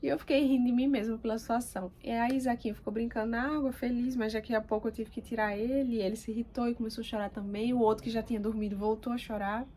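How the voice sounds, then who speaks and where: Soft-spoken mother, mellow voice. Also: a little high, steady tone, a little hiss or hum. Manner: soft-spoken, hesitant, many pauses and fillers. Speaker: mother vlogger. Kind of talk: casual personal talk to camera. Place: quiet home room.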